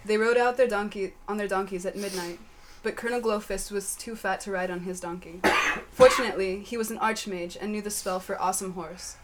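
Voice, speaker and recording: A woman reading a comic fantasy story aloud in a matter-of-fact, deadpan way. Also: mid-range voice, fairly quick, background noise. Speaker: story reader.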